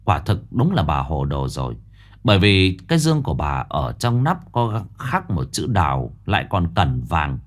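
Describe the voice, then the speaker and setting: A man narrating a ghost story in a lively, expressive storytelling manner. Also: deep voice, normal speed.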